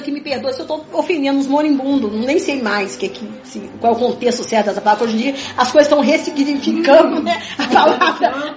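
A woman with a high voice gives an earnest, emphatic conversational talk about her faith, repeating her main points and addressing listeners as "gente" over and over. The audio is dull and muffled, with echo from the room and soft music in the background.

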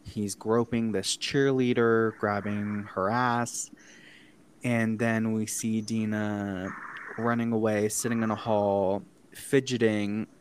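A man's voice: fairly low pitch, slow pace, a little hiss or hum, rough recording. A man casually recapping a horror film with a co-host, swearing often and laughing between lines. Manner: animated, profane, laughs often. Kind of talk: casual chat, recapping a movie.

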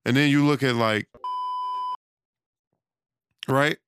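An American man who is self-employed and runs a studio rambles through a casual monologue while losing his voice. He speaks slowly at a medium pitch with fairly even intonation, full of restarts and fillers, over a noisy background.

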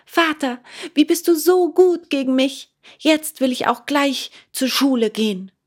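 A woman voicing an eager, whiny wooden puppet boy who talks high and pleading. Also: lively intonation, a little slow. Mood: happy.

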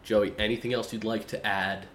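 A man co-hosting a casual sports podcast, excitable and teasing, often calling his co-host by name. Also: on the low side, normal speed, a little hiss or hum. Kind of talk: casual chat. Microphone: video call.

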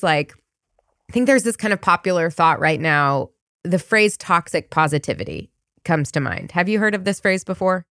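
A woman podcast host with a low-pitched voice asks long, curious questions, thinking aloud as she goes. The recording is dry and close to the mic. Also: no room sound. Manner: curious, thoughtful, rambling questions. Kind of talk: interview conversation.

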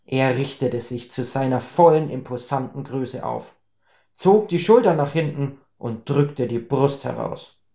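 A man narrating a comic story in a lively, humorous way. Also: mid-range voice, measured pace, creaky. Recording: roomy, slightly dull recording.

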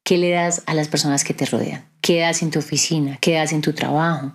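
A woman's voice: sits low, steady tone, fairly quick. A woman, hosting a reflective podcast monologue and asking her listeners rhetorical questions. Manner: conversational, preachy, asks listeners rhetorical questions. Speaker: podcast host.

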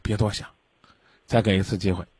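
A man's voice: fairly low pitch, fairly even intonation, brisk, darkish tone, breathy edge, dry recording, clean studio sound. A man hosting a radio call-in advice show, talking bluntly with scolding sarcasm.

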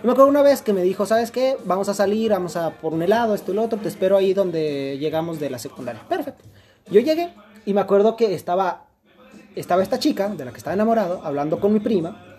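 Young man, Mexican accent, casual storytelling, slangy, restarts, rapid talk, faint music behind. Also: high-pitched, animated, dark tone. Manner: rambling, slangy, many restarts.

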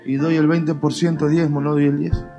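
A male pastor with an Argentine Spanish accent, preaching a lively, colloquial sermon with playful mock dialogues. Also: on the high side, normal speed, faint music behind. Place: church.

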